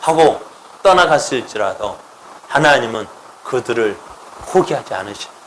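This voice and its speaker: A man's voice: medium pitch, expressive, normal speed, fairly bright tone, slight background noise, poor audio. A man preaching a Sunday sermon as pastor, asking the congregation rhetorical questions and swelling to emphatic peaks. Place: church sanctuary.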